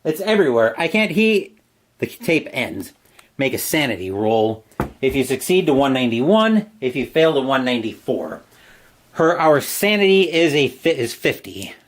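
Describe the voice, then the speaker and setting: A man's voice: mid-range voice, very animated, moderate pace, a little hiss or hum. A man playing a solo horror gamebook alone, reading the entries aloud with dramatic narration and asides about his dice rolls.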